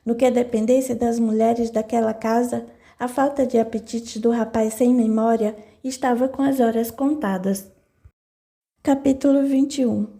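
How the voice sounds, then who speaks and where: A woman narrating a novel in a steady, measured storytelling manner. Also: a little high, gravelly. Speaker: audiobook narrator. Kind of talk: scripted narration.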